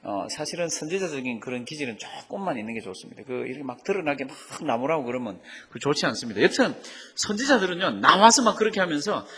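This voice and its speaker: Husky-voiced pastor in a reverberant hall. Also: male voice, fairly high pitch, animated, fast, hardly any pauses, fairly bright tone. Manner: asks the congregation frequent questions. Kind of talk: Bible teaching sermon.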